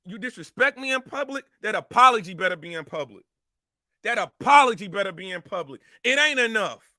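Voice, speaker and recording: Angry dude going off on a rant, real high voice, dead dry sound. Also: male voice, expressive, brisk, bright, forceful tone, dry recording. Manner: angry, repetitive, confrontational. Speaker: commentary show host. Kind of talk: heated rant to camera.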